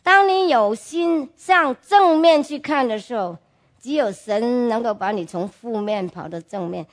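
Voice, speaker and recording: A woman's voice: a little high, animated, measured pace. A woman giving a personal testimony to a congregation in an earnest, emphatic way, often asking the listeners direct questions and dropping in English words. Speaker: church testimony speaker.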